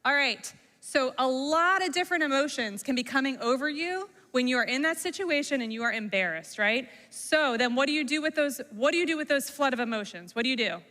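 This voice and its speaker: Speaking a little fast and pausing little, a woman with a high, expressive, sharp-toned voice engages a middle school class with questions and simple examples. The setting is a school room or hall, and her words ring with a long, reverberant echo.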